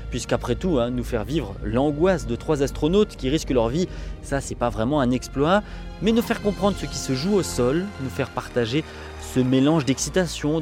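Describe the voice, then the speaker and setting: A man's voice: on the high side, darkish tone. A man giving scripted film-essay narration in a didactic, wryly humorous way.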